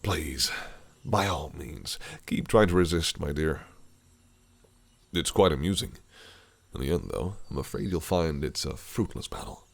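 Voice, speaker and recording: A man with a gravelly bass voice, animated yet unhurried and exaggerated, voices a possessive, cunning fae prince in a listener-directed audio roleplay. He speaks in a silky, teasing, menacing manner.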